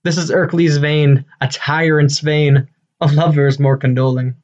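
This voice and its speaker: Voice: mid-range voice, flat delivery, moderate pace, a little mellow, dull audio, slight background noise, close to an everyday voice. An actor playing a boastful, eager male weaver in a Shakespearean comedy, declaiming in a self-important, bombastic way. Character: Bottom, boastful, eager amateur-actor weaver, adult man.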